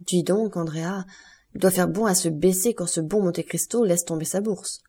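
A woman voicing a greedy older innkeeper for an audiobook, his talk eager and wheedling, envy creeping through every line. The voice sits low and gravelly, with a husky, dark grain. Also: normal speed. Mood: envious.

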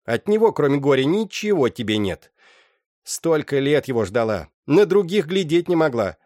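A man's voice: mid-range voice, sing-song, moderate pace, darkish tone, no room sound, studio quality, voice pushed up, close to an everyday voice. A man voicing a scheming old mother witch who scolds and mocks, in an audiobook. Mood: scornful. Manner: scolding, mocking. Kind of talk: audiobook character voice.

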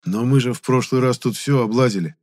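Man playing a touchy, excitable man, high voice, loud, quick to yell. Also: natural voice. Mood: grumbling. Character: touchy, excitable man who tires easily.

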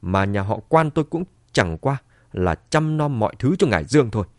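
A man voicing a cold, contemptuous family head who speaks low and hard. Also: very animated, fairly quick, darkish tone, no echo, clean studio sound.

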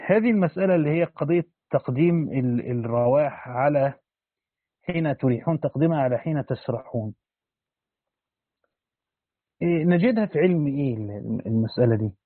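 A man's voice: a little high, animated, a little fast, long pauses, no room sound. A man gives a religious lesson, reading a Quran commentary aloud and adding plain spoken asides for his students. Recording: dry, thin phone-like line.

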